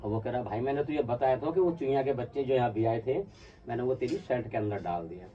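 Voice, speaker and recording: A man's voice: medium pitch, fast talker, recorded from a distance, narrow, tinny audio. A man telling a casual personal anecdote, acting out what his friends said along the way. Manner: animated, acts out quoted friends. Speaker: storyteller.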